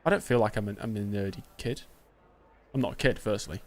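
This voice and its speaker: Speaking briskly in a lowish voice, a young Briton narrates his racing game on a live stream. The commentary is casual and chatty, full of self-mockery as he responds to his chat.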